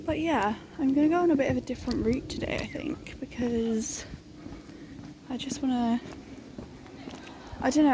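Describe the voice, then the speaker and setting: A young woman chatting casually and excitably in a vlog, peppering her talk with informal filler. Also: on the high side, noisy background. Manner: excitable and informal, frequent "like" and "oh my God". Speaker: vlogger.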